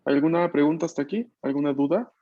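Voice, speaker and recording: A man's voice: fairly high pitch, fast talker, dark tone, no room sound, highs cut off. A male language teacher running an online Japanese class in Spanish, explaining patiently and checking in with tag questions. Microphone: video call.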